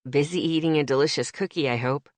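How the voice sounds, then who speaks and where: A woman's voice: deep voice, quick pace, dry recording, pitched below the performer's own voice, natural voice. A woman voicing a suave teasing businessman. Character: suave confident man, apologetic businessman.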